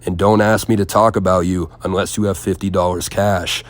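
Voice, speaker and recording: A man narrating a commentary video in a deadpan, mocking way. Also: sits low, fairly quick. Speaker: commentary host. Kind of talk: scripted commentary voice-over.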